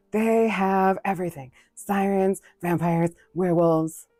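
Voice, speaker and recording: A woman's voice: lowish voice, slow pace, dark tone, no echo, soft background music. A woman from New England chatting casually with viewers on a live stream, rambling with lots of fillers and restarts.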